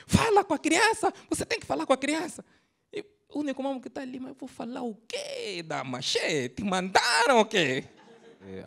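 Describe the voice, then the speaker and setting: His voice is creaky as he does stand-up at a comedy club, handheld mic in hand. He's in his thirties, has an Angolan Portuguese accent, and swings from loud bursts to hushed, slangy asides.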